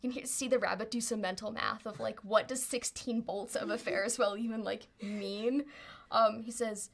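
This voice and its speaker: A woman runs a tabletop game with a slightly high voice. She narrates casually and playfully, making it up as she goes and often halting to find the next phrase. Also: fairly even intonation, vocal fry. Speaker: game master.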